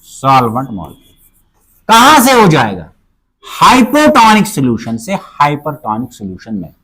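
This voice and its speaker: A man teaching a class, his voice fairly high and swinging widely in pitch. He keeps asking questions and answering them himself, hammering key words again and again. When he reaches a definition, he slows down and spells it out word by word. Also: huge pitch swings, bright, forceful tone, slightly rough, poor audio. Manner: repeats terms and asks himself questions, then answers. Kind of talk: board lesson explaining biology.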